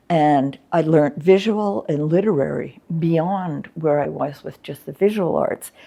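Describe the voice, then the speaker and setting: An older Canadian woman, a former arts coordinator, reminisces about her arts work in a reflective interview chat, candid and frank, with plenty of ums and fillers. Her voice sits low and is gravelly, warm and husky.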